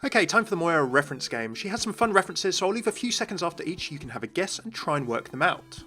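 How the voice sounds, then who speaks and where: Very animated and fast, a man speaks in a slightly high, sharp voice. As a game lore commentator hosting a scripted explainer video, he talks straight to his viewers with enthusiasm.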